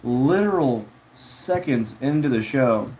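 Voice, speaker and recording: Chill guy streaming, rambling to chat, says bro and dude a lot, mellow dark voice, faint hiss behind. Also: mid-range voice, lively intonation, takes it slowly, poor audio. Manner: rambling, laid-back, peppered with "bro" and "dude". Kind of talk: casual livestream chat, answering viewer comments.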